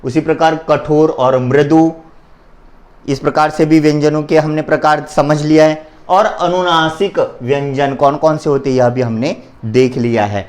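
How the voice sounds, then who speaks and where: A man's voice: a little high, steady tone, normal speed. A man teaching a Hindi grammar lesson to his students, spelling out letters one by one and having them repeat after him. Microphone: recording for an online lesson.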